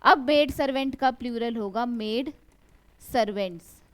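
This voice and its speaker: Woman teacher, fairly high voice, asks then answers herself, stretches example words out slow. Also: clean tone. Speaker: English grammar teacher. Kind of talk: classroom lecture.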